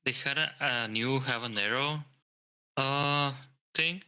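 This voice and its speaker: A man chatting casually and informally, giving opinions in a halting way with lots of filler words. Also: mid-range voice, sharp tone, clean tone, poor audio.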